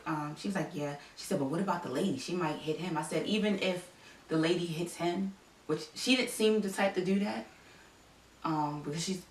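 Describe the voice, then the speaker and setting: Low-voiced woman chatting in an echoey room. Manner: chatty, lots of likes, laughs easily. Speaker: vlogger and wife. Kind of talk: casual storytelling. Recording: echoey room, mic far off, faint hiss.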